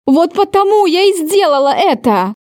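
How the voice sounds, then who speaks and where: A woman's voice: high voice, expressive, unhurried, darkish tone, no room sound, clean studio sound, voice pushed up. A woman voicing a hurt young woman who pleads in a trembling, raised voice. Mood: pleading.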